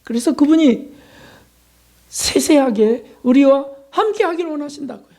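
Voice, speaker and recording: Mellow-voiced pastor preaching conversationally. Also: male voice, extremely high pitch, moderate pace. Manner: conversational preaching with rhetorical questions; acts out short prayers and dialogues. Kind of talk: sermon.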